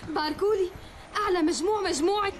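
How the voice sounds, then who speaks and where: A woman acts out a proud, affectionate young student in a drama, elated and speaking Levantine Arabic. Her voice is high and quick, with clear noise behind it. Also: expressive. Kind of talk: acted drama dialogue.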